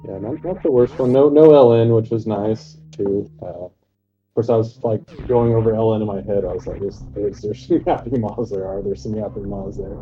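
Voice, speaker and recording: A man's voice: fairly low pitch, moderate pace, soft background music. A man chatting casually as a player guest. He sounds distant and echoey, muffled as if through a wall, and talks in a laid-back, rambling way full of fillers. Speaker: player guest on a race stream. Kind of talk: casual chat. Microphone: far from his mic on a voice call.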